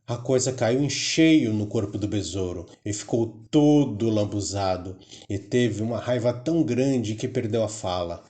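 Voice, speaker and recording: A man with a Brazilian Portuguese accent reading a children's storybook aloud, calm and even, with mild voices for the characters. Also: fairly low pitch, measured pace, hardly any pauses. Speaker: audiobook narrator.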